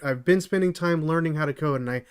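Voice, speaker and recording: A man's voice: on the high side, quick pace, clean tone. A middle-aged man hosting a solo live stream as a developer mentor, talking earnestly with many restarts and fillers, his voice a little dry. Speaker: channel host and developer mentor.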